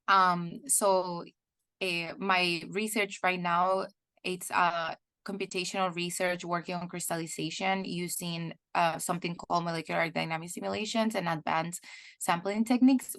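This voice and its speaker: A woman's voice: fairly low pitch, fairly bright tone, no room sound. A woman in her twenties from El Salvador, answering interview questions on a video call in a chatty way, with many "like" fillers. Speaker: guest speaker, PhD student. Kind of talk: webinar interview.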